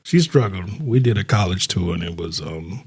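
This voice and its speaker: A man's voice: low voice, animated, normal speed, a little mellow, breathy edge. A middle-aged man hosting a casual podcast chat in a studio, easygoing, with short agreeing replies. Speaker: podcast host and minister.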